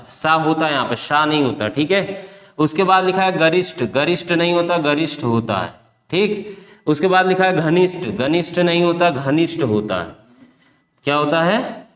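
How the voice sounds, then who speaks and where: A man's voice: fairly high pitch, a bit bright. A man teaching a spelling class for exam preparation, repeating each word, asking his students questions and calling them affectionately by pet names. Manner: addresses students fondly as beta and bhaiya. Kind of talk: exam-prep class lecture. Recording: echoey classroom with long reverb.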